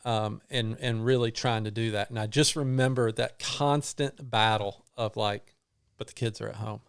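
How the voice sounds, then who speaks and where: A middle-aged man, a guest on an interview show, telling a long personal story in a halting way, with many restarts and fillers. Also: lowish voice, fairly even intonation, gravelly, smooth. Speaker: guest runner.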